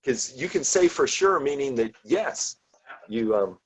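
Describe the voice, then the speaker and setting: A man's voice: medium pitch, animated, measured pace, husky, low-quality recording. A man teaching a casual book discussion class, talking loosely with many ums and restarts.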